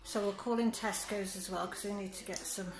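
A woman's voice: mid-range voice, steady tone, brisk, echoey room, crowd noise. A middle-aged woman chatting casually to camera in a family vlog, tired out from a walk. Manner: chatty, chirpy, rises into a sing-song voice for the dogs. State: worn out from walking. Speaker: vlogger, mother. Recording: noisy background.

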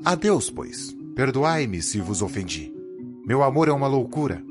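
A man's voice: medium pitch, sing-song, a little slow. A man playing a desperate young lover, pleading in a rising, impassioned voice over background music.

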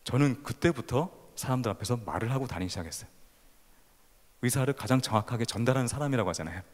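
A man in his thirties with a faint Gyeongsang-tinged accent, telling his life story as a stage speaker and acting out the scenes. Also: mid-range voice. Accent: Gyeongsang-tinged Seoul Korean. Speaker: speaker at a youth festival talk. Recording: hall reverb from a stage talk.

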